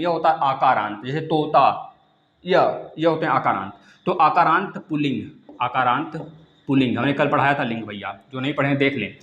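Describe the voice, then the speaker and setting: A man teaching a live online class. He repeats words over and over, dictates slowly and drops in jokey asides. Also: medium pitch, a bit bright, echoey room, lo-fi sound. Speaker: Hindi teacher for exam preparation.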